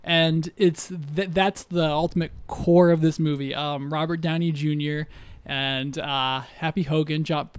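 A man's voice: on the high side, fairly even intonation, measured pace, clean tone, no room sound. A man co-hosting a film podcast, talking loosely with fillers and restarts as he gives his views. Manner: rambling, hesitant, many fillers and restarts. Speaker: podcast co-host. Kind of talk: casual podcast chat.

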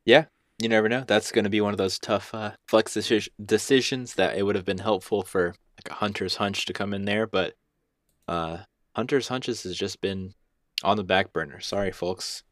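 A man's voice: fairly low pitch, steady tone, normal speed, no room sound, clean studio sound. A young man co-hosting a casual podcast, rambling and self-deprecating, with lots of restarts and fillers. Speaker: podcast co-host and youth basketball coach.

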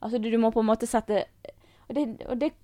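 A woman guest on a podcast telling lively stories about raising children. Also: a little high, no room sound, clean studio sound. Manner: lively storytelling, quick asides. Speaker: guest, mother. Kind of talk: casual podcast chat.

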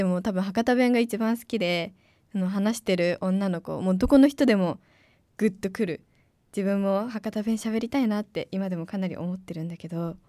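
Young woman student host, casual chatty radio talk, medium pitch, dry studio mic. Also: no room sound. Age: young adult. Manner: chatty, excitable, informal.

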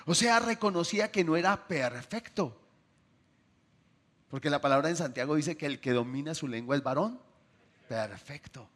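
A man preaching a sermon to his congregation, asking them questions and swinging between loud bursts and soft, drawn-out phrases. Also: fairly high pitch, animated.

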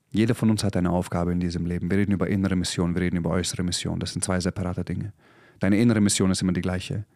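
A man's voice: low voice, a little mellow, no echo, studio quality. A man in his thirties hosting a podcast, giving an intense, preachy motivational monologue with swearing and English phrases mixed in. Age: 30s. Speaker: podcast host. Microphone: podcast microphone.

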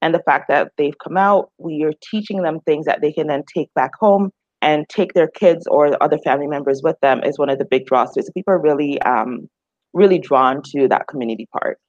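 Her low, darkish voice moving fairly quickly, a Jamaican woman who founded an outdoor group chats easily in an interview, with lots of fillers in her answers. There's no echo, and the remote recording sounds dry and mildly dull.

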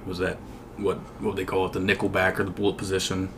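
A man co-hosting a casual sports podcast, talking in halting, hesitant phrases. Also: low voice, monotone, a little hiss or hum. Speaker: podcast co-host.

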